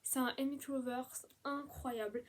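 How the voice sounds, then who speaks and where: A young woman chatting casually about the books she read, gushing with enthusiasm and filling pauses with "euh". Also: high voice, steady tone, a little hiss or hum. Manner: enthusiastic, gushing, many fillers. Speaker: book vlogger. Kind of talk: casual book review chat.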